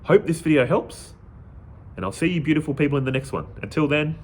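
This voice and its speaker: A man's voice: a little high, lively intonation, fairly quick, slight background noise. A man hosting a spiritual video channel, talking earnestly to his viewers in a casual monologue and often repeating words as he goes. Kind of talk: casual direct-to-camera monologue.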